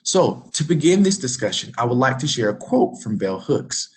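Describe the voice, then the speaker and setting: A man moderating a discussion, reading prepared remarks and quotes in a measured, formal way. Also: mid-range voice, big pitch swings, a little hiss or hum.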